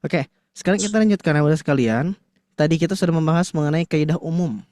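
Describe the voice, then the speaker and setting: A fast-talking man with a fairly high, slightly mellow voice teaches Quran recitation to a live audience, recorded in studio quality with no echo. He keeps it conversational, leans on fillers like "nah," and often quizzes the room.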